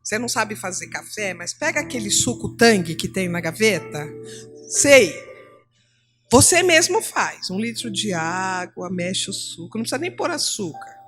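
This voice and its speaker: A middle-aged Brazilian woman teaching at church, telling classroom stories and acting out the dialogue in a lively way. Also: mid-range voice, normal speed, few pauses, soft background music. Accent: Brazilian Portuguese. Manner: animated storytelling, acting out dialogue.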